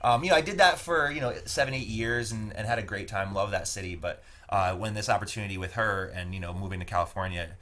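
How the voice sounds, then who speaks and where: Fast-talking New England drummer guy. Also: fairly low pitch. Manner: relaxed, rambling, many "you know" fillers. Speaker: band drummer, guest. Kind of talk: casual interview chat.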